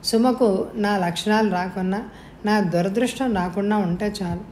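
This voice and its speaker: A woman voicing a gentle, sorrowful young mother who speaks softly and wearily in a storybook reading. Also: mid-range voice, fairly even intonation, normal speed, slight background noise, lightly acted. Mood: sad. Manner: soft, tired speech.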